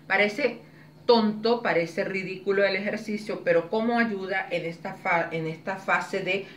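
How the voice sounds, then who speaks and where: A woman leading a public speaking workshop, explaining exercises clearly and demonstrating intonation with lively expression. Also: medium pitch, unhurried, a little hiss or hum. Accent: Spanish. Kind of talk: teaching a workshop. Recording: echoey room, voice from a distance.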